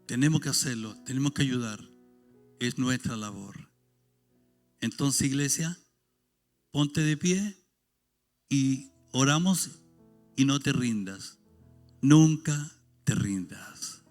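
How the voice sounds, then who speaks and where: A man's voice: mid-range voice, slow, long pauses, faint music behind. A man, a pastor, preaching a sermon and then leading a fervent prayer. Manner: fervent, rising into loud prayer.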